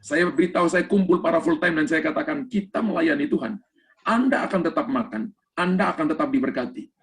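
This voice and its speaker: A male pastor delivers an emphatic sermon, telling personal stories and dropping in English phrases. His voice sits a little higher than most men's, and he talks as if over a video call. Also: lively intonation, fairly quick, fairly bright tone. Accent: Indonesian.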